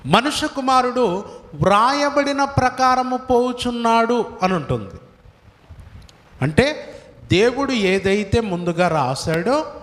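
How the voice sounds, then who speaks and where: A man's voice: sits high, a bit bright. A male pastor preaching a sermon, from India, firing rhetorical questions at his congregation. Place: church hall. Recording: echoey hall, voice from far off.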